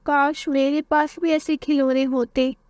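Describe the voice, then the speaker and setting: A woman voicing a trusting young boy bird in a cartoon, eager and high-pitched. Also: flat delivery, a little slow, a little mellow, dry recording. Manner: eager, whiny when scared.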